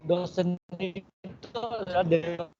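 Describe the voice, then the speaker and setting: Man lecturing, choppy cutting-out video call audio, dull lo-fi sound, slightly higher voice. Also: fairly even intonation, takes it slowly, dark tone. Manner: repeats key points, explains patiently. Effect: choppy, stalling video-call audio that keeps cutting out. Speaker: university lecturer. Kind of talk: online lecture.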